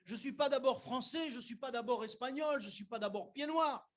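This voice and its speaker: This Algerian pastor's voice is extremely high, and he speaks at a moderate pace. Preaching in church, he addresses the congregation conversationally before rising to emphatic declarations.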